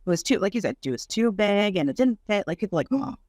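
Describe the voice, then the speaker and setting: A woman's voice: mid-range voice, big pitch swings, fast talker, darkish tone, no echo, studio quality. A woman hosting a podcast, chatting in an open, laid-back way and swearing casually. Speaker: podcast host. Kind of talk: casual chat.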